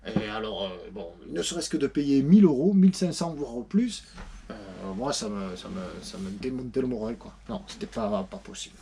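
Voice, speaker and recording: A man's voice: lowish voice, animated, moderate pace, dark tone, slightly rough. A man with a Marseille accent, a sailing vlogger talking casually to camera in a chatty, meandering, plain-spoken way. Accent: Marseille French. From Marseille, France.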